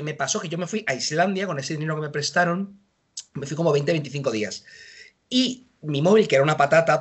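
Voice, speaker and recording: A man in his thirties telling lively, self-mocking anecdotes in a casual interview. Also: a little high. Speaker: judge.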